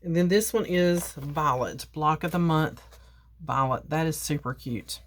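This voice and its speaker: A woman with a somewhat low voice chats casually to her viewers as she unboxes craft supplies. She repeats herself, calls her audience guys, and sips coffee between lines. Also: unhurried. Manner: sips coffee while talking. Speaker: crafting vlogger.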